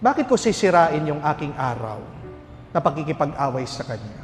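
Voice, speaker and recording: A priest with a Filipino accent preaching at a recollection, telling a humorous story full of rhetorical questions. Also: male voice, a little high, sing-song, moderate pace. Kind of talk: sermon at a recollection. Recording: hall reverb with faint music.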